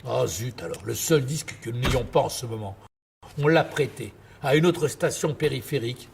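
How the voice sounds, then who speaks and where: A man's voice: mid-range voice, moderate pace, vocal fry, a little hiss or hum, lightly acted. A man acting a tender, grandiloquent late-night radio host in a theatrical, lyrical manner, easily flustered. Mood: anxious, pitying. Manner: effusive, lyrical, repeating words when flustered. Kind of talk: theatrical stage monologue as radio sign-off.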